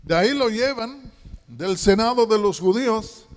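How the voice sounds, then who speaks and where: Preacher guy, high voice, dramatic sermon, church echo. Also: lively intonation, a little slow. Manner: dramatic, shifts between loud and hushed.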